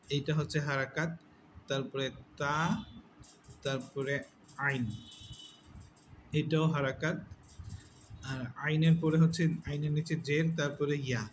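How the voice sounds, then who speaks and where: A man teaching Quran recitation rules step by step, slowly repeating each word and answering his own questions. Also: fairly high pitch, slight background noise. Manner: repeats words slowly, asks and answers himself. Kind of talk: slow step-by-step lesson.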